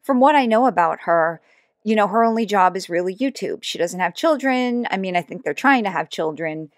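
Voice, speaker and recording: A woman's voice: mid-range voice, expressive, fairly quick, no room sound. Woman commentator, sarcastic reaction host, dry close sound. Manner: sarcastic, mocking asides. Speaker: YouTube commentator.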